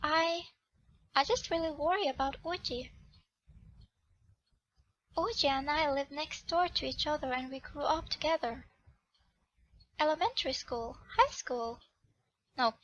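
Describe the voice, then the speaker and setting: A woman's voice: high voice, expressive, unhurried, long pauses, a bit bright, dry recording, muffled recording. A woman reading aloud a romance visual novel as the heroine, often correcting herself as she goes. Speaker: channel host reading a game.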